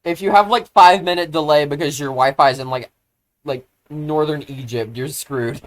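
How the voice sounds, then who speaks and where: A streamer talks through a co-op game in loose, rambling chatter, full of fillers and restarts. They often poke fun at their own fumbling and burst into loud, excited exclamations. The voice sits at an ordinary middle pitch. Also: moderate pace. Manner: rambling, filler-heavy, self-deprecating. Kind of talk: casual live-stream gaming chatter.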